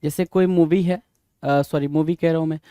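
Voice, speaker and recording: A man's voice: a little high, steady tone, moderate pace, mellow, clear, resonant tone, dry recording, clean studio sound. A man teaching English vocabulary for exams, spelling words out letter by letter and prompting students with rhetorical questions. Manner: keeps asking "bhai?" as a rhetorical prompt. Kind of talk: exam-prep vocabulary lesson.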